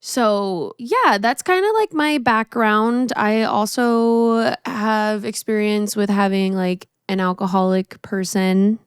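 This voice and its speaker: A woman in her late twenties chats casually as a podcast co-host, reflective and relaxed, with lots of fillers. Her voice is smooth and clear. The sound is dry and close. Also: mid-range voice, slow, few pauses, no echo. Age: 20s. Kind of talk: casual chat.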